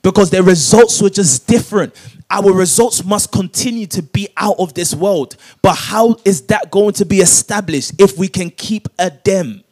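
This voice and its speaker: A man's voice: sits high, normal speed, a little mellow. A man preaching a sermon, calling for verses to be read aloud and repeating them with rising emphasis. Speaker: pastor. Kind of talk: sermon with call-and-response scripture reading.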